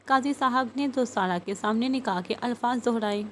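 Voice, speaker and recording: A woman with a somewhat high voice narrates a novel for an audiobook. She reads all the characters' dialogue in her own voice rather than putting on new ones. A faint hiss sits under the recording.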